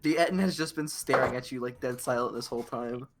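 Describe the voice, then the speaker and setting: A man's voice: mid-range voice, fast, over music. A man running a tabletop game as game master, describing the scene in a casual, rambling way.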